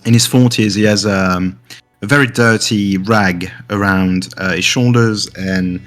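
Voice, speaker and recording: Low-voiced man running a tabletop game. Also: steady tone, measured pace, fairly bright tone, faint music behind. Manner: hesitant, many fillers. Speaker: game master.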